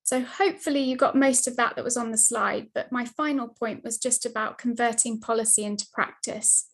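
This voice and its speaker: A woman giving a steady, scripted slide presentation over a video call, her mic cutting in and out. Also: fairly high pitch, a little fast. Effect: video call audio, mic cutting in and out. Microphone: computer mic on a video call.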